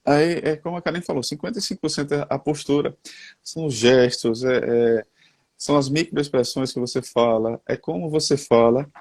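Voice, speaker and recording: Speaking at a normal speed with a medium-pitched, darkish voice and no room sound, a man with a Brazilian Portuguese accent chats about communication over headphones. He is talkative and folksy, calling his audience "gente" and "cara".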